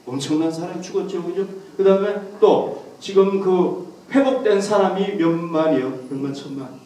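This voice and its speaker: A man preaches in a lively, dramatic way, raising his voice for the lines he quotes. His voice sits a little high. He is picked up from some distance in a reverberant church hall. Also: normal speed, slight background noise. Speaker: pastor. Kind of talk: sermon. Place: church hall, Korean congregation.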